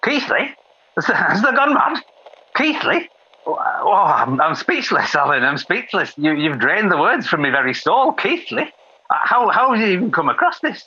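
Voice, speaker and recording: A man's voice: high voice, very animated, normal speed, bright, forceful tone, breathy edge, heavily acted. A man playing a flustered, fussy man who stammers and rambles over a walkie-talkie radio, his voice heard through the radio. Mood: aghast. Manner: stammering, hesitant, wordy. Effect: muffled walkie-talkie radio sound. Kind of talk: comedy radio sketch. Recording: dull lo-fi walkie-talkie line.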